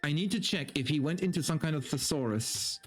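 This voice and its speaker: Over background video game music, a man streams a dramatic story reading, alternating theatrical narration with amused, casual, profane remarks. His husky voice is fairly high-pitched, expressive, and a little fast.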